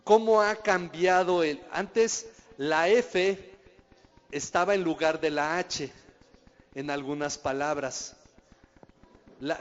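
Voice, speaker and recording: A man, preaching as a pastor in a conversational way and often asking the audience questions. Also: fairly high pitch. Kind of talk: sermon teaching. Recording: dull recording in a reverberant hall.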